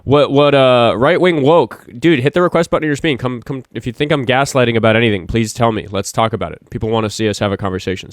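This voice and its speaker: A man's voice: mid-range voice, no echo, clean studio sound. A man hosting a live call-in debate stream, arguing with a caller and interrupting him often. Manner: fast, argumentative, interrupts callers. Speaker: talk show host.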